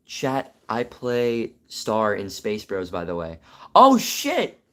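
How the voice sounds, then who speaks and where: A man chatting on a live stream, excitable and rambling, full of fillers and restarts as he talks about his animated show. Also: lowish voice, slow pace. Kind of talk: casual live stream chat.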